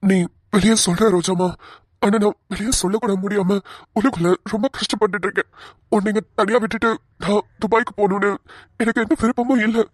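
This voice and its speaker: A woman's voice: medium pitch, fairly even intonation, a little fast, no echo, clean studio sound, natural voice. A woman voicing a tender young husband who soothes his worried wife in a cartoon. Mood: soothing. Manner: gentle, pleading, calls her fondly.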